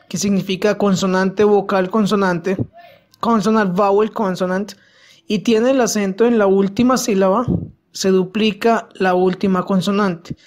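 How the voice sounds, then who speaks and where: English teacher explaining grammar step by step, slows right down on the english example words. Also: mid-range voice. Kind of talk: online grammar lesson in Spanish.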